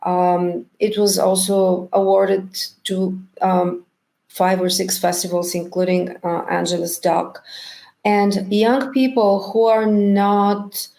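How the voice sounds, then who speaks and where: This middle-aged documentary director, a native speaker of Bulgarian, has a mid-range, gravelly, mellow voice with a level tone. She responds to interview questions slowly and thoughtfully, frequently pausing to search for words.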